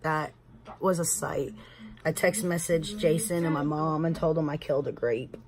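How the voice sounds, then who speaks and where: Texan lady doing her makeup at home, kinda low voice, chatty and rambly, says y'all. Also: steady tone, moderate pace, a crowd in the background. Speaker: beauty vlogger. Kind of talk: casual makeup tutorial chat.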